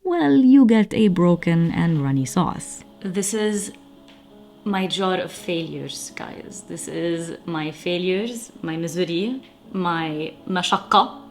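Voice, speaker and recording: A woman's voice: fairly low pitch, expressive, takes it slowly, darkish tone, faint music behind. A young woman, hosting a home cooking vlog in a playful, chatty way and talking straight to her viewers. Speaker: cooking channel host. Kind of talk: casual recipe vlog narration.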